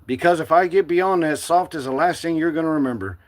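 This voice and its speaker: A middle-aged man from the United States speaking to his livestream viewers in a forceful, defiant, preachy monologue. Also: fairly high pitch, fairly quick. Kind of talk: impassioned live-stream monologue.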